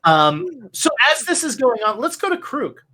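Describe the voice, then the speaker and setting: A man improvising tabletop game narration as game master, halting as he searches for words. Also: very high-pitched, sing-song, bright, forceful tone, slight background noise, rough recording.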